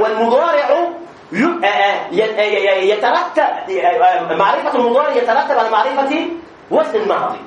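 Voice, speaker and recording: A man's voice: extremely high pitch, a bit bright. A man teaching a grammar lesson as a sheikh, asking questions and answering them himself, with frequent hesitations and repeated words. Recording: echoey room, distant mic, faint noise.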